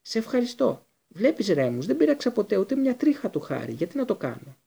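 A man doing a shrill, cowardly, squeaking man. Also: very animated, vocal fry, dark tone, husky, heavily acted. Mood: wheedling.

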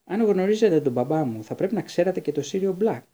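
A man's voice: high-pitched, animated, warm tone, lo-fi sound, voice pushed up. A man voicing an earnest, eager teenage boy wizard in an audiobook. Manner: earnest, pleading.

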